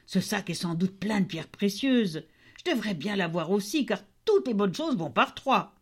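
A woman voicing a greedy male innkeeper who plots quietly to himself in a fairy tale. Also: mid-range voice, lively intonation, moderate pace, husky. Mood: scheming.

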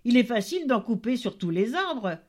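A woman's voice: on the high side, sing-song, moderate pace, darkish tone, pitched above the performer's own voice. A woman voicing a doubtful old tailor father in a fairy tale reading. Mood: skeptical.

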